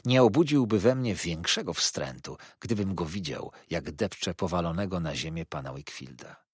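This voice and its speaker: Casting note: male audiobook narrator, low and slightly husky, with lively, varied intonation. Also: normal speed, no room sound, studio quality. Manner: expressive, animated reading. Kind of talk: scripted narration.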